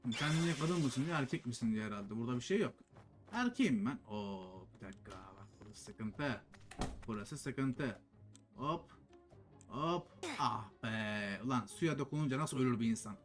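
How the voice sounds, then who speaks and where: Young male gaming streamer, frustrated and self-talking, big swings from low mutters to shrill yells, faint music bed. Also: expressive, moderate pace. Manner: frustrated, talks to himself and the game, bursts into high exasperated yells. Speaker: gaming YouTuber. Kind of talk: Roblox let's play commentary.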